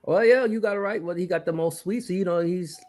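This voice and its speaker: A man joining a casual sports debate with lively, laughing asides. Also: high-pitched, a little fast.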